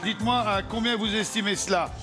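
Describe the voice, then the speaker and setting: A man's voice: high-pitched, a little fast. A man hosting a TV game show, joking and teasing the contestants in a studio with a live audience. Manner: teasing, playful banter with contestants. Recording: studio audience and loud music behind.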